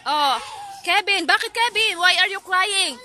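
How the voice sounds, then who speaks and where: High pitched lady filming her family outside, calls to the kids, lots of background noise. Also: a little slow, bright, forceful tone. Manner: chatty, mixes languages, calls out to kids. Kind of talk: casual family vlog.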